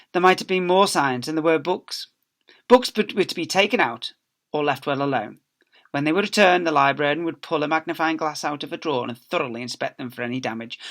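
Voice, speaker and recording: This male teacher's fairly high, fairly bright voice carries a children's story read aloud with plenty of expression. He stresses words theatrically, and his phrases tend to fade away as they finish.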